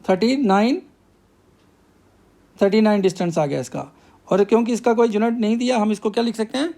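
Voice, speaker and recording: A man's voice: high-pitched, brisk, gravelly, warm tone. A male math teacher, working through a problem step by step and asking himself questions before he answers them.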